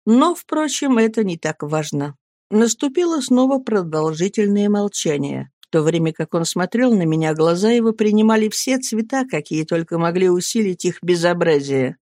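A man narrating a first-person novel as an audiobook, in a lively, emphatic storytelling manner. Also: high voice, normal speed, dry recording, clean studio sound.

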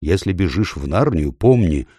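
A man's voice: low voice, lively intonation, normal speed, mellow, husky, dry recording, clean studio sound. A man voicing a proud, noble male talking horse who speaks in a stately, lecturing way. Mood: lofty.

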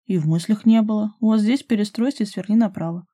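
A woman doing a gruff, loving major. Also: fast, mellow, no echo, lightly acted. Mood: firm. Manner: husky low whispers, mock grumbling.

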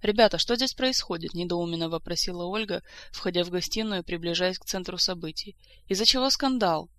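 An audiobook reader voicing a feisty young woman who shouts and swears. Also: mid-range voice, a little fast. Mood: puzzled.

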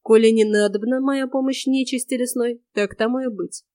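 A woman voicing an earnest warrior hero who speaks in a gruff, solemn, old-fashioned way. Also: a little high, steady tone, moderate pace, warm tone, dry recording, clean studio sound, natural voice.

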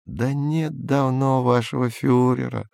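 A man's voice: mid-range voice, fairly even intonation, takes it slowly, vocal fry, darkish tone, no room sound, clean studio sound, pitched above the performer's own voice. A man voicing a stubborn young woman who teases and defies in a storybook reading. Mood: mocking.

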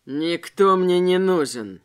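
Lady putting on a gruff hissing thug guy, short and threatening. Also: lowish voice, expressive, slow pace, voice pushed down. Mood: menacing. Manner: hissing, curt. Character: gruff male robber, curt and menacing.

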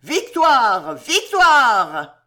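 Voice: high voice, wildly swooping pitch, very slow, bright, forceful tone, pitched above the performer's own voice, exaggerated voice. A reader voicing a furious mob of street women screaming battle cries.

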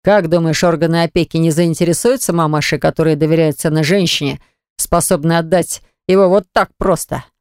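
Woman doing stern domineering man, slow low clipped commands, smooth dry voice. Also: fairly even intonation, darkish tone, no room sound. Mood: menacing.

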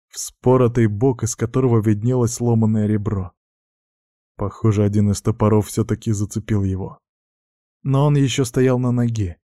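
A man narrating fantasy fiction as an audiobook in a steady, even storytelling voice. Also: lowish voice, no echo, clean studio sound. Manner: steady, even storytelling with dramatic sound words.

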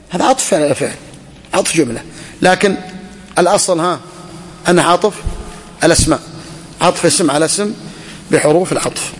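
A man gives a classroom grammar lesson, voice sitting slightly high. He says each phrase twice and keeps asking the students whether it is clear. A long reverb trails his words through the hall. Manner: repeats phrases, quizzes students with questions. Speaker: teacher of Arabic grammar.

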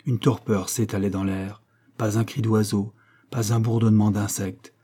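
Brief: man, audiobook narrator, measured delivery, mellow dark tone. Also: on the low side, flat delivery. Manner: slow, measured. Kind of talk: audiobook reading of a classic novel.

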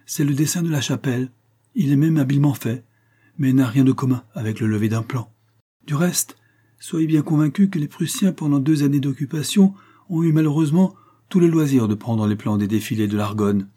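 A man voicing a jovial, sturdy middle-aged village mayor who questions people briskly. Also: medium pitch, mellow, breathy edge, voice pushed up, close to an everyday voice.

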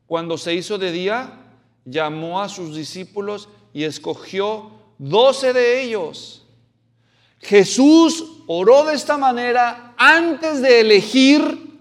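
Preacher guy, high voice, animated, acts out the quotes. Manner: animated, asks the congregation questions and acts out quotes. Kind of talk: expository sermon.

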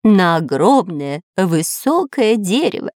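A woman voicing an anxious, excitable male parrot servant in a storybook reading, making excuses. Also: medium pitch, slow, dry recording, studio quality. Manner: fussy, justifying himself.

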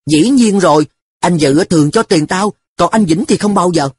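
A man's voice: high-pitched, moderate pace, slightly rough, pitched above the performer's own voice. A man voicing a carefree schoolboy who shrugs off studying, talking in an offhand, nonchalant way.

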